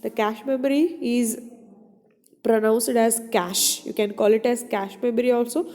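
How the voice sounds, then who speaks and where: A woman's voice: a little high, warm tone. A woman teaching computer science in a classroom lecture, often checking with the students. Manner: repeats "your" and "done?" as she checks on students. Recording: echoey room reverb.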